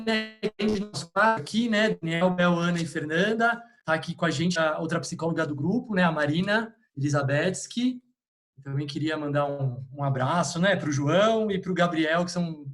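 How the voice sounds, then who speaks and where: A man with a Brazilian accent, a clinician, presenting his team in an online meeting in a relaxed, informal way with many fillers. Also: on the high side. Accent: Brazilian Portuguese. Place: home, video call.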